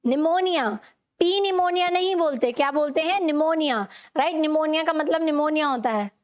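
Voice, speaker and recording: A young Indian woman teaches English pronunciation in a high, bright voice. She moves between Hindi and English, asks the class a question and answers it herself. She says each example word more than once. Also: fairly quick. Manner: questions and repeats for learners, mixes Hindi and English. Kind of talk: online classroom lesson.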